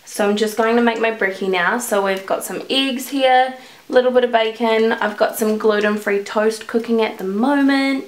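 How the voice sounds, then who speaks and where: A woman's voice: on the high side, moderate pace. Chatty young New woman vlogging. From New Zealand. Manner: chatty, sleepy, laughs often. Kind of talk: casual morning routine vlog. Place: home, bedroom and kitchen.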